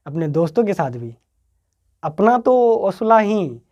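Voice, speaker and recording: A Bihari-accented male teacher speaks in a high voice with big pitch swings and a measured pace, though the recording is muffled. He explains a story for board exam students, acting out its quotes and shifting between loud and quiet.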